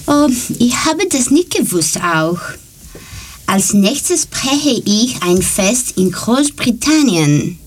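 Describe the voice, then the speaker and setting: A woman from Greece, a Greek native speaker, slowly reading a prepared presentation in learner's German. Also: fairly high pitch, big pitch swings. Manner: slow, careful learner's German. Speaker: student presenter. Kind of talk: read-aloud presentation.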